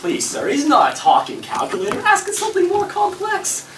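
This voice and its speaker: An actor playing an eager, deferential inventor, excitable and prone to stammering, in scripted film dialogue. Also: male voice, very high-pitched, a little fast, exaggerated voice. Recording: echoey room, distant mic, noisy clicks.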